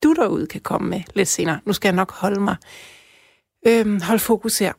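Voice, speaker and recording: A woman from Denmark casually telling a personal story, chatty with many fillers, dropping to a hush and then rising with excitement. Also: medium pitch, vocal fry, breathy edge, dry recording, studio quality.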